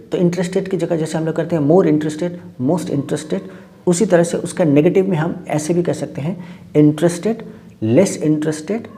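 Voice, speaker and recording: Man, grammar teacher, gravelly, mellow tone, keeps saying okay. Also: on the high side. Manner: says "okay" constantly, spells words letter by letter. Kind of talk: explaining lesson in Hindi with English terms.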